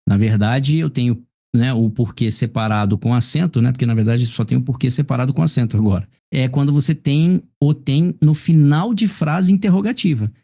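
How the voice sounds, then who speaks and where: Brazilian man teaching grammar, mellow voice. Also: medium pitch, a little fast, vocal fry, few pauses. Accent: Brazilian Portuguese. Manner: explanatory, repeats "tá vendo?" and "ó" often. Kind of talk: live online class correcting a test.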